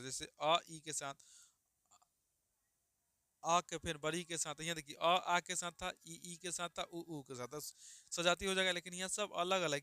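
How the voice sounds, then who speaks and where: A man's voice: fairly high pitch, sharp tone, smooth, no room sound, studio quality. A man teaching grammar online, repeating each question and answer and calling students "babu.". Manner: calls listeners "babu" affectionately. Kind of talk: online exam-prep lesson.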